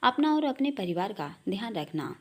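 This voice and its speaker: A woman voicing a gentle, courteous mother. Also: medium pitch, very animated, normal speed. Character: polite gentle middle-aged mother.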